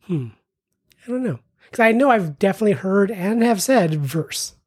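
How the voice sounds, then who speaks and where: A man's voice: high-pitched, lively intonation, normal speed, a little mellow, slightly rough. A man co-hosting a casual podcast with his wife, rambling and hesitant in easy banter. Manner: rambling, hesitant, laid-back. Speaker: podcast co-host. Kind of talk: casual chat.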